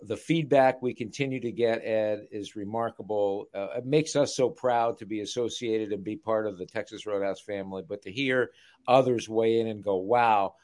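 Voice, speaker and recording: A man's voice: on the low side, moderate pace, darkish tone. An older man, a veteran sportscaster on a radio show, chatting casually and reminiscing with frequent restarts.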